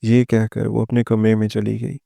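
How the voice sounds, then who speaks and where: A man narrating a first-person moral story with a steady, even reading. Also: fairly low pitch, gravelly, dry recording, studio quality.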